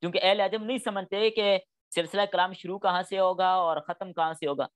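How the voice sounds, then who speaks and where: A man's voice: high-pitched, fairly even intonation, a little fast, clear, resonant tone. A middle-aged man teaching a class on Quran studies, explaining patiently step by step and acting out spoken examples. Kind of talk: classroom lecture.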